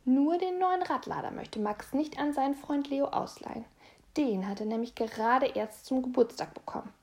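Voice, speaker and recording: A woman reads a children's storybook aloud. Her fairly high voice is lively and expressive. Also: normal speed. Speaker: storybook reader.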